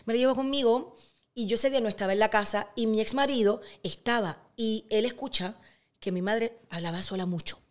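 A middle-aged woman with a Cuban accent, a guest in an interview, telling personal stories in a lively way. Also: a little high, fairly quick. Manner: animated storyteller who acts out quotes. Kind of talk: casual interview storytelling.

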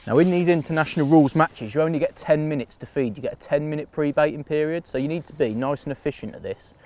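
A man's voice: a little high, quick pace. English angler talking through his bait prep. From England. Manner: relaxed, practical, talks through each step. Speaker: angler demonstrating bait and feeding. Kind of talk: instructional fishing demonstration. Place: outdoors on a canal bank.

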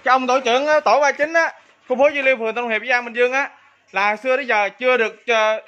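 A man speaks in a high, bright voice, fast and indignant, pressing each complaint hard. The phone recording sounds muffled and dull. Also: fairly even intonation, soft background music. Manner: indignant, insistent. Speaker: resident complaining about local leader. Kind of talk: on-camera complaint.

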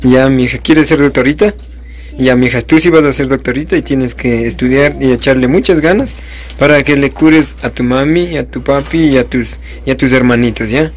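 A man's voice: medium pitch, moderate pace. A man speaks in a medium register. His talk is casual and affectionate, as if encouraging a young child he is interviewing. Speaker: aid campaign presenter interviewing a child.

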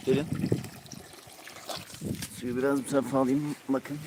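A man's voice: mid-range voice, flat delivery, measured pace. A man casually vlogging outdoors as he shows his ducklings, coaxing and cooing at them and often urging viewers to subscribe. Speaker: YouTuber showing his ducklings. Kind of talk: casual vlog narration. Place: outdoors in a hot yard. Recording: loud outdoor background noise.

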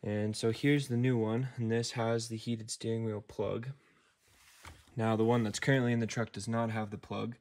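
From inside his truck, a man with a lowish voice calmly explains how to install a steering wheel module step by step, filmed on a phone as he works. A DIY car tutorial maker, he talks slowly and methodically while working, with a few near-whispered asides.

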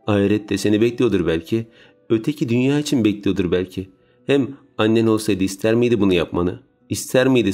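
A man's voice: fairly low pitch, mellow, close to an everyday voice. A man voicing an earnest, determined young woman who pleads urgently, in a raised voice, in an audiobook reading.

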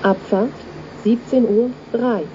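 Slow, flat platform announcement, female voice. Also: a little high. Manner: flat, clipped, piecemeal phrasing. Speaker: automated railway station announcer. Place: railway platform, outdoors, over loudspeakers. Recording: dull lo-fi station PA, background noise.

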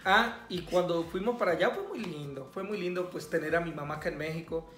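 A young man from Colombia, chatting casually in a relaxed, rambling way in a vlog. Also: a little high, brisk. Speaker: vlog co-host. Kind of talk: casual chat. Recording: echoey room with faint music.

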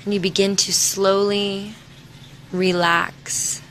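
A woman guides a body-scan meditation, soothing and unhurried, with long pauses between short instructions. Her mid-range voice is a bit bright with little pitch movement, and a little hiss or hum sits underneath.

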